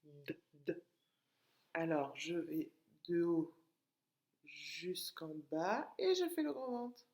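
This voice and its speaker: A woman preschool teacher records a lesson from home, talking slowly and deliberately. She draws out each word and encourages the small children listening. The sound is roomy and echoey. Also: lowish voice, sing-song, darkish tone. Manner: slow, deliberate, encouraging, stretching out words. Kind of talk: remote lesson for young children. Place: home, washing machine running.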